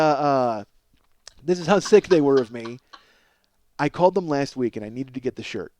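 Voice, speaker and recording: With a mid-range voice, a middle-aged man hosting a comedy podcast spins casual stories full of profanity and self-mockery, excitably blowing things out of proportion for comic effect. There's no room sound in the recording.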